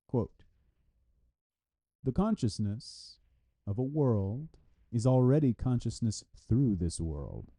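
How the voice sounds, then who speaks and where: Reading a translated philosophy article in a formal, scripted manner, a man speaks punctuation marks and citations aloud. His medium-pitched, mellow voice moves slowly with big pitch swings and long pauses.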